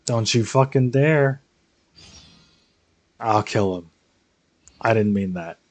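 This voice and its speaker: A streamer plays a game and chats casually, reacting and rambling with jokey, sweary asides. The voice is medium in pitch and takes things slowly.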